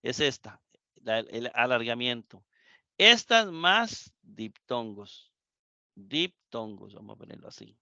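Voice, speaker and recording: A man's voice: medium pitch, very animated, slow, pushed and bright, no echo, highs cut off. A man teaching Greek in a live class lecture. He repeats the key points and keeps asking the students questions.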